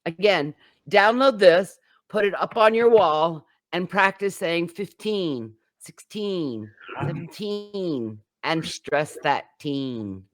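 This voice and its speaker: A woman's voice: fairly low pitch, expressive, slow pace. A woman teaching English pronunciation in a class, drawing out each example word as she demonstrates it. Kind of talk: live online class instruction.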